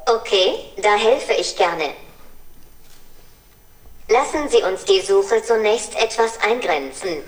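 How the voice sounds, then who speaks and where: A synthetic female robot voice speaks in polite, cheerful assistant phrases at a middle pitch. It is caught from some distance in a roomy, echoing space. The delivery is steady and scripted. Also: takes it slowly, pauses often. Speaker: humanoid service robot. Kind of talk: scripted demo talk. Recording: roomy and far from mic.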